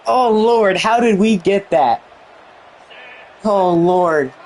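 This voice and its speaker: A young man giving excited commentary on a football video game he is playing, exclaiming and mildly swearing. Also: sits high, very slow. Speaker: gaming YouTuber.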